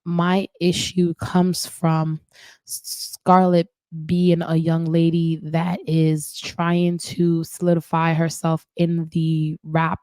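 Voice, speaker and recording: A woman hosts a celebrity gossip commentary, talking casually and repeating herself for emphasis. Her voice sits low and mellow. The sound is close and dry. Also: monotone, slow pace, smooth, dry recording. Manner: chatty, repeats words, frequent "right?" tags. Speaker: host.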